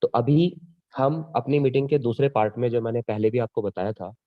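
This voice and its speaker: A man hosting a business meeting, summing up the pitch in a measured, persuasive way. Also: no room sound, phone-quality sound. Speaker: meeting host.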